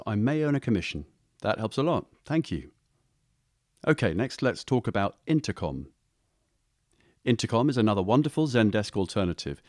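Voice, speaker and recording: A man reads a scripted explainer voice-over for a software review video. His voice is on the low side, recorded close to the mic with no room sound.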